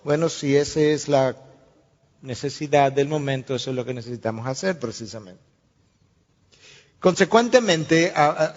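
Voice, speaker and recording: A man preaching a sermon as a pastor, earnest and teaching through illustrations and rhetorical questions. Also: fairly high pitch. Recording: reverberant hall, dull lo-fi sound.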